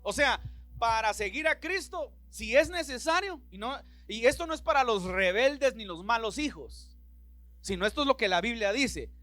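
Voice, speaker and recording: Pastor, male, Central American Spanish accent, impassioned church preacher, bright forceful tone. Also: very high-pitched, expressive, normal speed, dry recording, soft background music. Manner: impassioned, acts out Bible dialogue in voices. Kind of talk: sermon.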